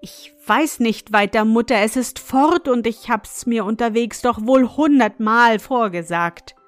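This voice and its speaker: An earnest young farm lad from a storybook fairy tale, flustered and apologetic, as a woman reads his lines. The voice stays close to a gentle reader's tone, raised a little, with soft music faintly behind. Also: a little high, measured pace, dry recording, natural voice.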